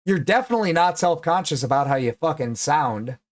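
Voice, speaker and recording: This livestream host talks fairly quickly in a slightly high voice with lively intonation. In casual stream chat, he ribs his guest bluntly and swears a lot.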